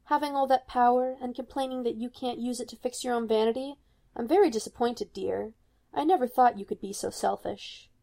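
A middle-aged woman plays a sugary, controlling mother, scolding sweetly with a condescending, falsely sweet manner. Her voice runs on the high side and a little fast, mellow with some vocal fry.

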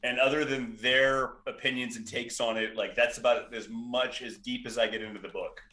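Chatty man with a bright, roomy sound. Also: mid-range voice, fairly even intonation, moderate pace. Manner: rambling, enthusiastic, self-deprecating, frequent restarts. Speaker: podcast guest, author. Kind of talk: casual podcast chat. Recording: roomy echo.

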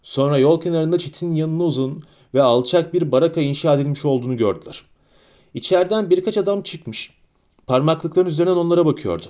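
A man narrating a fantasy novel at an unhurried, deliberate pace. His voice sits somewhat high for a man and carries the scene steadily from line to line. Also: warm tone. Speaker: audiobook reader. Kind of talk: scripted narration.

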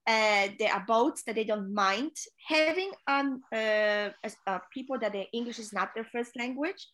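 Speaking at a moderate pace with a fairly high, slightly bright voice, a Polish chief stewardess shares honest, straightforward career advice as an interview guest. She is a non-native English speaker with a Polish accent who uses filler sounds frequently.

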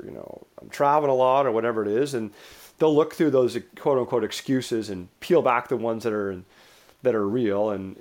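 A middle-aged man being interviewed who talks loosely, with frequent restarts and lively anecdotes. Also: medium pitch. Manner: rambling, restarts often, lively storytelling. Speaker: interview guest. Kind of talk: casual conversational interview.

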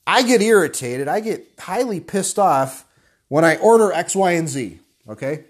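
A man's voice: sits high, expressive, moderate pace, slightly rough. Man, motivational speaker, raised voice, blunt and profane, intense rant to his audience. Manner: blunt, profane, repeatedly addressing listeners as guys; angry, intense delivery.

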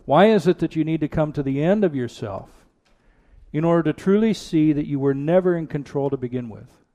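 A pastor preaching an earnest sermon into a pulpit microphone in a church, repeating rhetorical questions for emphasis. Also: male voice, a little high, animated, brisk, warm tone. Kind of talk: sermon with prayer and scripture reading.

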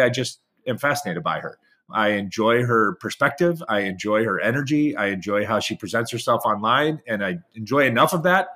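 A man's voice: mid-range voice, bright, forceful tone. Upbeat American man hosting. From United States. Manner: upbeat, effusive, repeats himself. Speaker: podcast host. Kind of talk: enthusiastic interview introduction. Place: Hollywood studio.

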